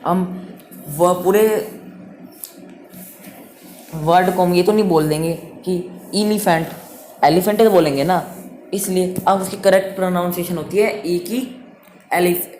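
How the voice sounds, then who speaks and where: A man's voice: sits high, a little slow, long pauses, darkish tone. A man teaching a grammar lesson online, patient and repetitive, sounding words out again and again. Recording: echoey room with faint noise.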